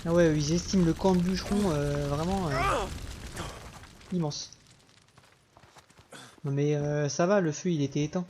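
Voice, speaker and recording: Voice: medium pitch, unhurried, pauses often, background noise. A let's player giving casual, informal gameplay commentary, thinking aloud with some mild swearing. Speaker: video game let's player.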